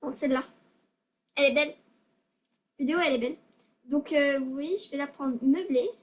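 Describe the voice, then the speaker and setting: A woman's voice: sits high, fairly quick. A female gaming video maker giving casual tutorial commentary, hesitant and self-conscious, often stammering and repeating words.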